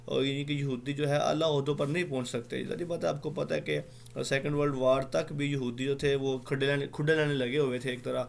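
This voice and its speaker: A man with a gravelly, medium-pitched voice and a level tone gives an exam-prep lecture online. He explains slowly with lots of fillers and spells words letter by letter.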